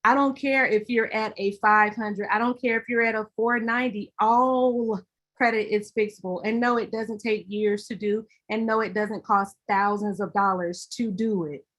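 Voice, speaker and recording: A woman's voice: mid-range voice, steady tone, moderate pace, fairly bright tone. A young Southern woman from Alabama hosting a livestream workshop, chatty and upbeat as she greets viewers. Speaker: host of a credit workshop livestream.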